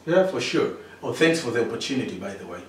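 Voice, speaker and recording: Answering interview questions about his career in engineering, this middle-aged Tanzanian mining engineer speaks fast in a sing-song, mid-range voice, stumbling through plenty of fillers and restarts. The room is echoey, the mic distant, and there is faint noise.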